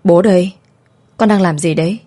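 A woman voicing a worried middle-aged father who gently reassures his daughter, in an audio story. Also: fairly low pitch, moderate pace, close to an everyday voice. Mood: concerned.

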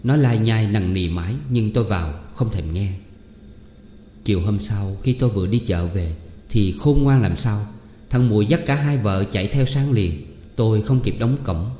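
A man reading a novel aloud as audiobook narration in a steady, even storytelling manner. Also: on the low side, normal speed. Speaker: audiobook reader. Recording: echoey room with long reverb.

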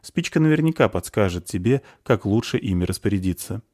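A man's voice: fairly low pitch, lively intonation, a little fast, a little mellow. A man voicing an impulsive, guilt-ridden young man who speaks in an agitated, remorseful way in an audiobook. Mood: troubled.

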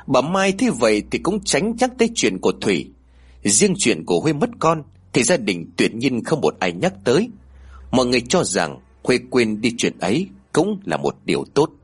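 A man narrating a ghost story in an expressive, formal reading style. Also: mid-range voice, breathy edge.

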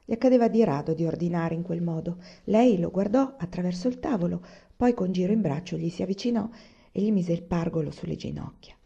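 A woman reading a novel aloud in calm, even audiobook narration. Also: on the low side, fairly quick, gravelly, slightly rough. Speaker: reader. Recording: dull lo-fi recording.

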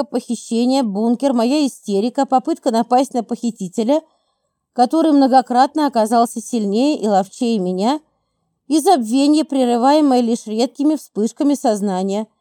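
A woman narrates an audiobook in the first person with a smooth, even delivery. Her voice is high but dark and mellow in tone. The recording is close and dry. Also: dry recording.

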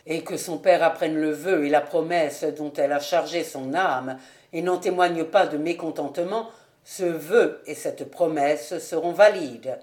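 A woman reading an audiobook, voicing a stern older male minister reading scripture in a solemn, measured way. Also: deep voice, darkish tone, voice pushed down. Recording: echoey room.

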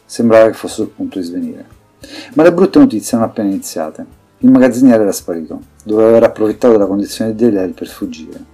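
A man reading scripted fantasy narration in an even, measured way. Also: on the low side, slightly rough. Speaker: audiobook narrator. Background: faint music.

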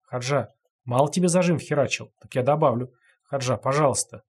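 A frightened male prisoner pleads in a hushed, urgent voice, read by a male narrator. His voice is husky and strained. It is a dark audiobook scene. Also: mid-range voice, fairly quick, lightly acted. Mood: anxious pleading. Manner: anxious, pleading.

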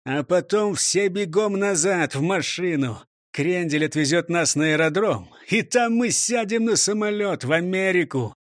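A man voicing a bossy robber gang leader who gives hushed, blustering orders. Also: high voice, measured pace, few pauses, no echo, clean studio sound.

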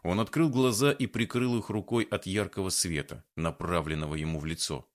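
A man narrating an audiobook in an expressive storytelling manner. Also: low voice, fairly quick. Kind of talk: scripted narration.

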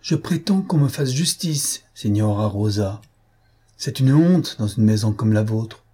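A man voicing a spiteful young village woman who accuses loudly, in a storybook reading. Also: unhurried, breathy edge. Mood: accusing. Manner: accusing and shrill.

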